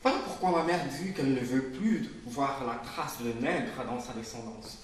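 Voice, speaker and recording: A man, the author, reading his own prose aloud in a measured, subdued way. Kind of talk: literary reading. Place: public reading in a literary venue. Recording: very echoey room, voice from far off, faint rumble.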